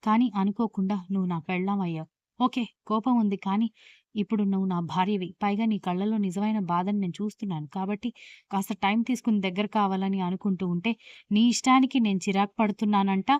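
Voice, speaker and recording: A hot-tempered young husband who snaps out sharp rebukes, read by a woman narrating the story. The lines come fast in a mellow, dark voice. The recording is dry and a little dull. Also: mid-range voice, dry recording, lightly acted.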